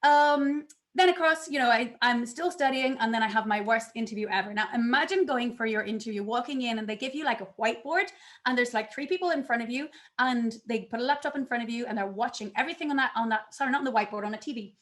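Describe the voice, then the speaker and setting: Woman, conference talk, lively storytelling, acts out past reactions, slightly high voice. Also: fast talker. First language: not English. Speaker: conference speaker.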